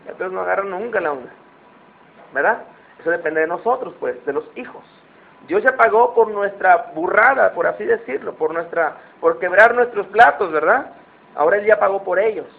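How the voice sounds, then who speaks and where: A man's voice: sits high, expressive, normal speed, creaky. A man preaching a conversational sermon, often asking his listeners questions. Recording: tinny phone-like sound.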